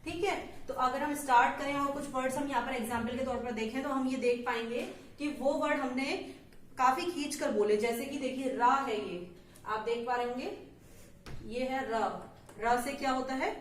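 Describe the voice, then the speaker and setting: A woman teacher patiently explaining letter sounds to small children, stretching out syllables slowly and checking in often. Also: high voice, fairly even intonation, slight background noise. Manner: patient, slow, drawn-out syllables with frequent "theek hai". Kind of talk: Hindi phonics lesson for young children. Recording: echoey room, mic at a distance.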